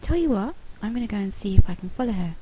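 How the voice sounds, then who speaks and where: A woman's voice: medium pitch, expressive, quick pace, noisy background, lightly acted. A woman doing a bold, curious little girl. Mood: eager. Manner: eager and adventurous.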